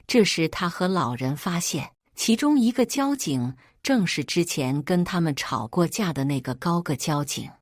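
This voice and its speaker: A woman narrating a scripted story in an expressive storytelling manner. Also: fairly low pitch, moderate pace, few pauses, no room sound, clean studio sound.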